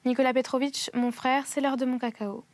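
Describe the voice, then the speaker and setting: Woman reader voicing sardonic old gentleman, deliberate, dry close sound. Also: high voice, flat delivery, no echo, lightly acted. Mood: ironic. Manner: mocking, deliberate, pronounces words with care. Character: aristocratic older man, haughty and ironic.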